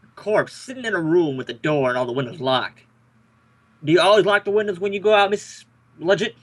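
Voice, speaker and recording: In an old-time radio detective drama, a man plays an exasperated police lieutenant who grumbles, blusters, and throws out sarcasm. His voice is high-pitched and brisk, and the mood is businesslike.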